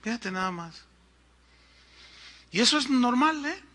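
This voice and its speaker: Mexican pastor guy, high bright voice, animated sermon storytelling. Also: measured pace. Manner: animated storytelling with acted-out quotes.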